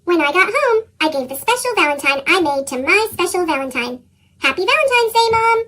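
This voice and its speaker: A woman plays an excitable little animal student from a picture book, her exaggerated voice sped into a high, squeaky chipmunk sound. She's brisk, bubbly and full of excited exclamations.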